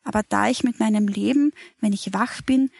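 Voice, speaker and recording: A woman reading a calm, gentle mother. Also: mid-range voice, normal speed, gravelly, breathy edge, dry recording, clean studio sound. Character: kind, calm mother comforting a child.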